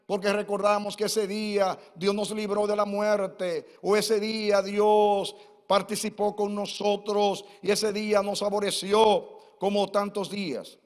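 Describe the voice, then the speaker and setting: A man's voice: high voice, level tone, unhurried. A man in his sixties, a pastor giving a fervent sermon full of personal testimony in a church hall. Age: 60s. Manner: fervent, personal storytelling preaching. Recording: long church-hall reverb.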